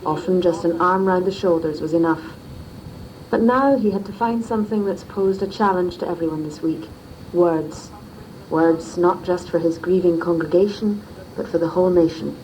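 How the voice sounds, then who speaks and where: A female news reporter giving measured, sombre scripted narration, heard from an old cassette recording. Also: fairly low pitch, a little mellow, rough recording. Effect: faint tape hiss of an old cassette recording.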